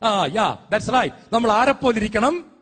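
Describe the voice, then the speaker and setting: Male preacher, high husky voice, emphatic sermon delivery that acts out story characters. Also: animated, takes it slowly, a bit bright. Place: large convention hall.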